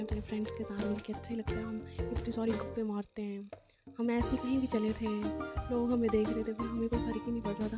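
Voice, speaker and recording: A young woman narrating her day out with a friend in a rambling, chatty vlog voice-over, full of fillers. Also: fairly high pitch. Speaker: vlogger.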